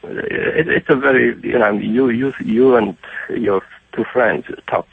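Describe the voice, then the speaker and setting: Middle-aged male caller from Romania, gravelly and husky, earnest with many restarts, over a phone line. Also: medium pitch, steady tone, no room sound. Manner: earnest, halting with repeated restarts. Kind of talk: phone-in radio call. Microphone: telephone.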